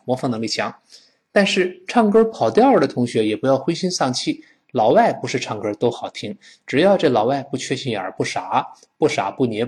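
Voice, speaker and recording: A middle-aged man teaching English pronunciation, stretching out the English words slowly for students to repeat. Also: mid-range voice. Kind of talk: pronunciation lesson.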